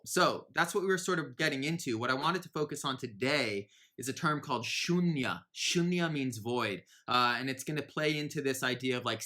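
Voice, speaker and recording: A man gives a meditation lesson in a casual, exploratory manner, often pausing with small fillers as he searches for words. His voice is bright and forward, and it sits at an ordinary middle pitch. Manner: reflective, searching, many fillers. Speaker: yoga teacher.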